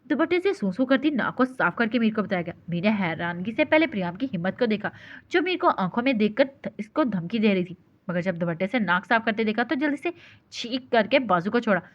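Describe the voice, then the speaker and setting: Expressive woman reading a novel aloud. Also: medium pitch, a little fast. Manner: expressive, doing every character. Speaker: novel reader. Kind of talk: storybook narration. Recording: dull lo-fi recording.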